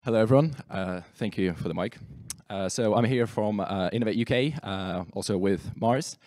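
A man from the United Kingdom giving a steady short pitch for his company from the audience, with many hesitations, on a handheld mic in a large chamber. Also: normal speed, dry recording, clean studio sound. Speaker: startup representative.

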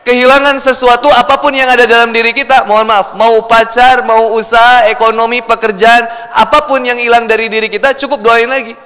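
A man's voice: extremely high pitch, flat delivery, fairly quick, pushed and bright. A male preacher with a Sundanese accent giving a humorous sermon, playful and acting out everyday scenes. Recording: long hall reverb.

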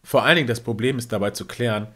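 A man's voice: mid-range voice, racing, fairly bright tone. A man taking part as a panelist in a casual discussion, weighing both sides.

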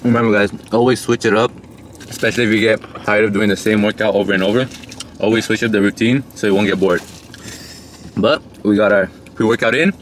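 A man's voice: fairly low pitch, steady tone, quick pace. A young man, chatting casually to camera as a fitness vlogger. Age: young adult. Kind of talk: casual vlog chat to camera. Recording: noisy vlog audio with ambient noise.

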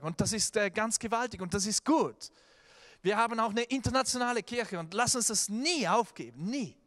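A man preaching a sermon in a church, telling stories animatedly with restarts and filler sounds. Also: high-pitched. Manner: animated storytelling with acted-out quotes. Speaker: pastor.

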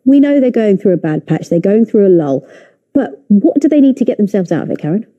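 A woman presenting a TV studio football show, briskly putting questions to her panel. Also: medium pitch, sing-song, dark tone, highs cut off.

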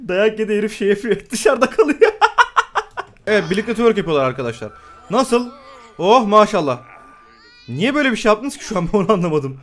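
A young man giving excitable live commentary on a game, swearing often and laughing a lot. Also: high-pitched, quick pace. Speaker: gameplay streamer.

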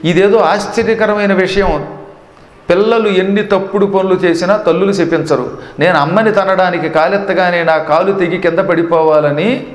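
A man's voice: high-pitched, steady tone, normal speed, roomy sound, big-room sound, close to an everyday voice. A man voicing an upset young god son pleading with his father. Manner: complaining, pleading.

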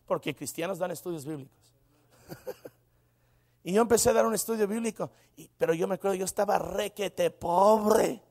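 Man, pastor, high voice, animated sermon storytelling. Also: normal speed. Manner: animated storytelling with frequent exclamations.

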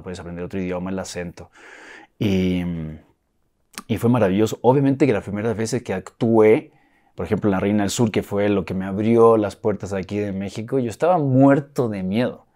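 A Chilean-born actor speaking with an acquired Mexican accent, telling his story in a relaxed interview, with many restarts. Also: on the low side. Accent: Mexican Spanish, acquired. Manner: reflective, with frequent restarts and soft laughs. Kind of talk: casual interview talk.

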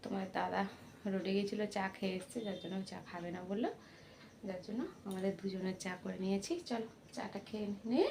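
A woman's voice: mid-range voice, fairly even intonation, fast, creaky, a little mellow, slight background noise. A woman in her thirties chatting casually to viewers as friends while doing chores in her home kitchen, recorded on a phone. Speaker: home vlogger. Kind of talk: casual home vlog narration.

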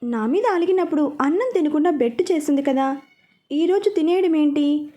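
A woman's voice: high voice, normal speed, mellow, natural voice. A woman reading a story, voicing a young man who coaxes and apologizes to his fiancée. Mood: tender. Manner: coaxing, apologetic.

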